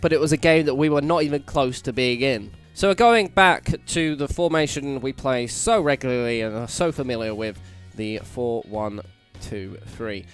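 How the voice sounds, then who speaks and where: A hungover British man giving casual, self-deprecating commentary on a video game playthrough, sounding slightly croaky. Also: mid-range voice, moderate pace, hardly any pauses. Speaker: gaming YouTuber, host. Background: background music.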